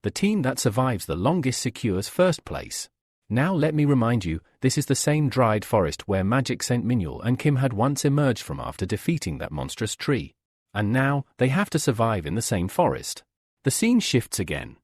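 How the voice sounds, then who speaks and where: Male recap narrator, scripted storytelling, husky voice, very lively pitch, dry close sound. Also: moderate pace, no echo.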